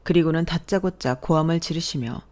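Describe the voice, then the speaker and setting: A woman's voice: deep voice, brisk, a little mellow. A woman in her thirties reading a first-person family story in a confiding tone. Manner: confessional, storytelling. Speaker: story narrator.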